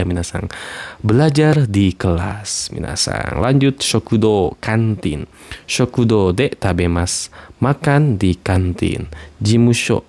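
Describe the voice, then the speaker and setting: A man teaching Japanese words in a casual lesson, saying each example sentence twice and repeating translations slowly. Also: lowish voice. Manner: relaxed, reads example sentences twice, slow clear repeats.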